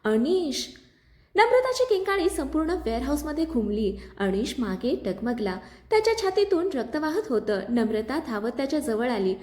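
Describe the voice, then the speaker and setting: A woman telling a dramatic story with expressive narration. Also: sits high, moderate pace, few pauses, reverberant.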